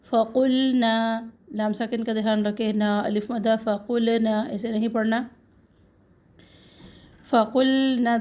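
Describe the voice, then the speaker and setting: A woman with a Pakistani Urdu accent teaching Quran recitation, who patiently demonstrates words slowly and then corrects and explains them. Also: mid-range voice, warm tone. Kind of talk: Quran recitation lesson, slow drawn-out recitation with quick explanations.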